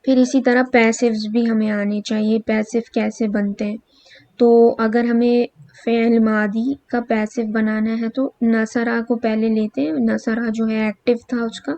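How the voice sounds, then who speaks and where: Slow-drilling woman teacher, gravelly voice. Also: on the high side, level tone, dark tone, no room sound. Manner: patient, drilling verb forms slowly. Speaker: Arabic grammar teacher. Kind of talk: recorded lesson, slow recitation drills. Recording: dull, lo-fi, dry.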